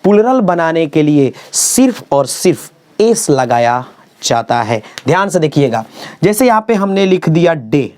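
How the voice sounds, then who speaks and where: A man teaching English grammar in a classroom-style lesson. He spells words out letter by letter, repeats key phrases slowly and keeps checking "okay?". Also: on the high side, sing-song, a little mellow.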